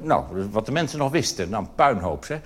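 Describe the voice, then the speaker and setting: Briskly and with big pitch swings, a mid-range-voiced Dutch cabaret performer talks to a theatre audience in a rambling comedy monologue peppered with asides and tag questions. It comes from a noisy old live recording.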